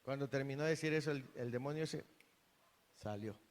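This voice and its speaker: In a church hall with long reverb, a man preaches a sermon in a medium-pitched voice at a fairly quick pace. He sounds earnest and often repeats or restarts his words.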